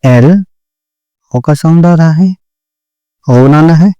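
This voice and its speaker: A man teaches shorthand at an unhurried pace, spelling out each word and pausing to check understanding. His voice sits somewhat high for a man but has a mellow, smooth tone. The sound is dry and close, with no room echo, and a faint electrical hum runs underneath. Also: lo-fi sound. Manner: slow, patient, repeats words and checks understanding. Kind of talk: step-by-step classroom explanation.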